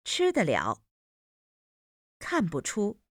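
A woman's voice: mid-range voice, wildly swooping pitch, very slow, no room sound, clean studio sound. A woman reading demonstration sentences for a pronunciation lesson, enunciating each one carefully in a textbook-recording style. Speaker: Mandarin pronunciation lesson reader. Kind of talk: slow, deliberate textbook recording.

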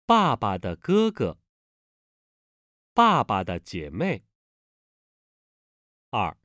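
A man reading a language textbook lesson aloud with slow, careful enunciation of every syllable, recorded in a studio. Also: mid-range voice, a bit bright, no echo. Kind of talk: scripted Mandarin lesson reading.

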